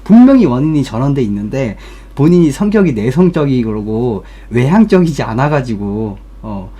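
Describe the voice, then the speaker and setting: A young streamer with a mid-range, dark, slightly rough voice gives life advice from his streaming room. He tells a story casually and bluntly, swearing and acting out his coworkers in raised voices.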